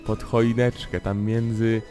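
A man hosting a casual gaming chat, excitable, laughing and swearing often. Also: on the low side, takes it slowly, faint music behind. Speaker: group host.

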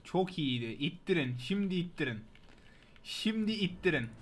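A man's voice: sits high, very animated, normal speed. A young man streams a team game and talks over it live. He keeps pleading with and scolding his teammates, his voice jumping up when he is upset. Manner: frustrated, shouting at teammates, swearing. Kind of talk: live gameplay commentary.

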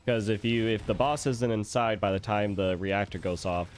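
A man's voice: fairly low pitch, steady tone, moderate pace, slight background noise. A man streaming a game, chatting casually and reacting with little exclamations while he has the hiccups. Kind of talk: casual gameplay commentary. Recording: faint music behind.

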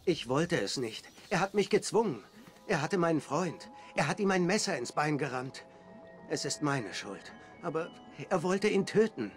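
An actor playing a frightened, guilt-ridden guard in a video game, anxious and earnest. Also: male voice, fairly high pitch, sing-song, normal speed, faint music behind. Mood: distraught. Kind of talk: video game dramatic voice acting.

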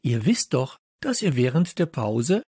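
A man reading a children's audiobook, voicing a strict woman teacher who gasps in shrill indignation. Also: big pitch swings, a little slow, warm tone, husky, no echo, clean studio sound. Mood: outraged. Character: strict, easily shocked woman teacher on break duty.

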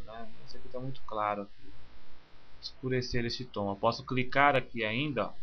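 A man, teaching software in a screencast and calmly walking through each click step by step. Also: medium pitch. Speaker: software instructor. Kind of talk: screencast tutorial. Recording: slightly muffled with faint hiss.

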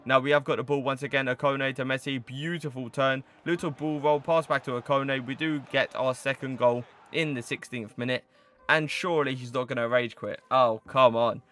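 A man's voice: mid-range voice, fairly even intonation, normal speed, a bit bright, a little hiss or hum. A man in his twenties giving casual gameplay commentary in a chatty, slangy way, with stock phrases he repeats. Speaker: gaming video host.

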